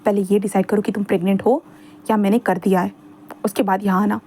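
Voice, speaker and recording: A cold, dismissive alpha man who speaks low and quietly, clipped and unbothered, as a woman storyteller puts him on. His tone stays flat and mellow, never raised. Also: fast, natural voice. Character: cold, rude male alpha, aloof businessman. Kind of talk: fan fiction read-aloud.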